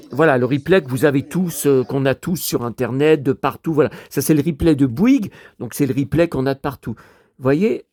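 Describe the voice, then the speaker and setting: A man's voice: medium pitch, darkish tone, no echo, clean studio sound. A man vlogging casually to his viewers, rambling and muttering with mild swearing as he talks from home in front of a TV.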